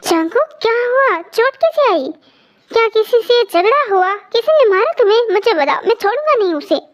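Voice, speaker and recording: A woman voicing a protective, calm middle-aged father who talks soothingly. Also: extremely high pitch, normal speed. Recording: dull lo-fi audio.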